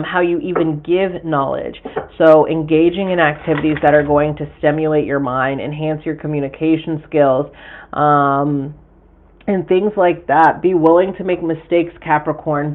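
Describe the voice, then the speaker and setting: A man with a slightly high voice runs a casual live tarot reading, speaking directly and bluntly to his viewers. The audio is thin and tinny, like a phone line. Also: a little hiss or hum. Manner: chatty, addresses viewers directly, frank and profane. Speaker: tarot reader and livestream host.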